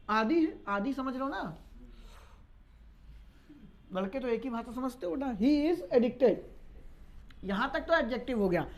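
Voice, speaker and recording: Woman, fairly high voice, lecturing on grammar, teasing and scolding students. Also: darkish tone. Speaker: English grammar teacher. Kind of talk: classroom lecture.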